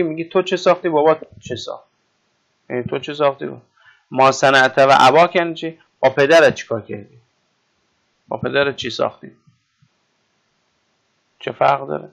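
A man with a gravelly, creaky voice gives a casual grammar lesson. He talks through ideas with homely comparisons and keeps stopping to ask whether his students follow. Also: on the high side, a bit bright. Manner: explains with everyday examples, often checks "right?". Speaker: teacher of Arabic grammar. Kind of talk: informal classroom lecture.

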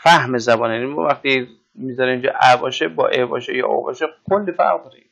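A man's voice: mid-range voice, gravelly, fairly bright tone. A man teaching Arabic grammar in an informal classroom lecture. He explains with everyday examples and keeps checking that his listeners follow.

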